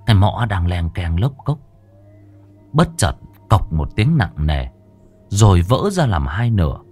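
A male storyteller reads a scripted ghost story, drawing out the dread. His voice is very deep yet highly animated in melody, with faint music playing beneath. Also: measured pace. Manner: dramatic, lingering storytelling. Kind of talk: scripted horror narration.

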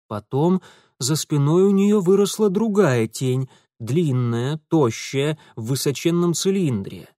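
A man giving an expressive, dramatic audiobook narration. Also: mid-range voice, dry recording, studio quality. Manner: dramatic, lively storytelling.

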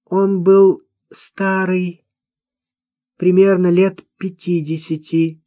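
A man's voice: high-pitched, level tone, takes it slowly, no echo, pitched above the performer's own voice. Man doing a bitter simple-minded young man. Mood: resentful. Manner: childish, blunt, hate-filled. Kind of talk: audiobook character voice. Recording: dull dry lo-fi recording.

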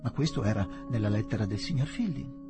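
Male reader putting on a fretful young woman; pleading, lifted pitch, lively swings, audiobook. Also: a little fast, music in the background. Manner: pleading, high and breathless. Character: anxious nervous young Englishwoman.

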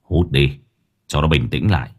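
A man doing a gruff, cursing old exorcist. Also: very deep voice, normal speed, pitched below the performer's own voice. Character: gruff old male exorcist, foul-mouthed.

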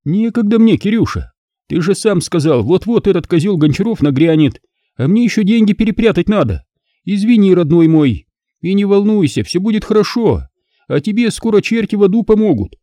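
A sneering, spiteful young woman, put on by a male narrator, taunts in a raised, lively voice. She mocks with wide swings of pitch. The sound is close and dry. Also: fairly quick, no echo. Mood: gloating mockery. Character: spiteful scheming young woman, mocking and shrill.

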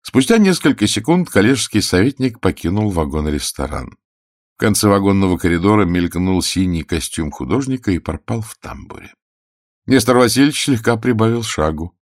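A man giving scripted audiobook narration in an even, measured storytelling manner. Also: fairly low pitch, no echo, studio quality.

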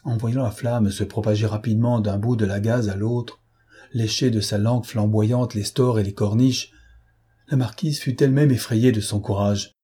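A man narrating a novel as an audiobook in a measured, steady way. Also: lowish voice, breathy edge.

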